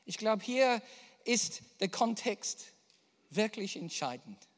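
A woman delivers a sermon with a lively, swinging pitch and an unhurried pace. She is emphatic and keeps putting questions to her listeners. Her voice carries a long, hall-like reverb. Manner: emphatic, builds to impassioned prayer. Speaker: preacher.

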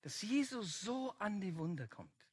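A preacher giving a sermon, slow and emphatic, building to loud climaxes. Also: medium pitch, big pitch swings, husky.

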